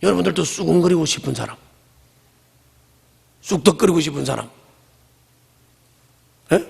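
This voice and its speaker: Husky Korean pastor with a booming voice. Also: male voice, moderate pace. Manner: animated, acts out crowd grumbling in mocking voices; speaks casually and directly to congregation. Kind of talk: sermon. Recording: long hall reverb.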